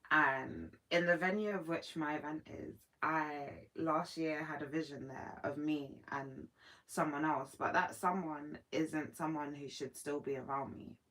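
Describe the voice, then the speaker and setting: A woman's voice: deep voice, fairly bright tone, rough recording. A woman in her morning voice, hosting a casual spiritual live stream and talking reflectively to her viewers. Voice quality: sleepy morning voice. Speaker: livestream host.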